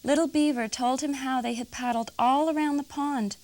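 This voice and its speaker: Librarian reading a picture book to children, calm storyteller, fairly high woman's voice. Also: normal speed, poor audio.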